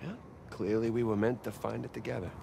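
A man's voice: fairly low pitch, level tone, quick pace, creaky. An actor playing an adult male treasure hunter in a video game, trading wry, joking banter. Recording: game audio with loud boat and water noise.

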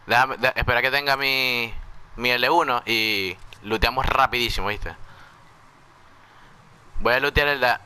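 Guy streaming a shooter, super bright voice, yelling the same callout over and over. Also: mid-range voice, steady tone, clean tone. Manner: rapid repeated urgent callouts. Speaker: gamer streamer. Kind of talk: live gameplay commentary with teammate.

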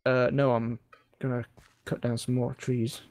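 A man's voice: mid-range voice, level tone, a little slow, a little mellow. A man hosting a casual gaming session, playful and chatty, who drifts into song and silly voices. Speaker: let's play host. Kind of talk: casual chat while gaming.

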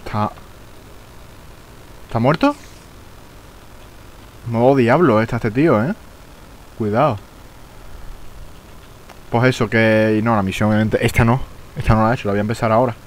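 A man's voice: medium pitch, moderate pace, pauses often, slight background noise, low-quality recording. Young man streaming a game. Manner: casual, swearing, frustrated outbursts. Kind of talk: live gameplay commentary.

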